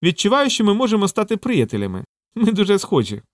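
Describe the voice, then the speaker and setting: A man's voice: high-pitched, huge pitch swings, fast, no echo, studio quality, pitched above the performer's own voice. A man voicing a cunning male wolf in a storybook, with a silky, coaxing manner. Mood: sly. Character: sly smooth-talking male wolf, cunning.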